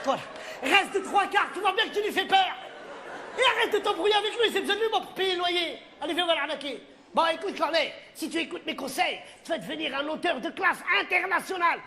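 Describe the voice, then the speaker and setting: An actor playing a streetwise theatre producer who talks in casual slang in a stage comedy sketch. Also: male voice, very high-pitched, expressive, fast, pushed and bright, a faint crowd, heavily acted. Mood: bossy. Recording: live stage with audience noise.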